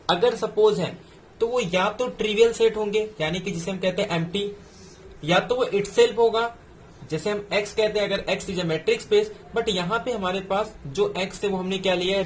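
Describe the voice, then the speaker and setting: A man's voice: high voice, slight background noise. A man, tutoring math step by step through exam solutions. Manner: explains step by step, mixing in English terms.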